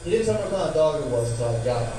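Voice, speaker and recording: A man's voice: fairly high pitch, very animated, rapid-fire. A man doing casual stand-up storytelling in a conversational, slangy, swearing manner. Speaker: stand-up comedian. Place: live comedy venue. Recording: echoey room, distant mic, noisy.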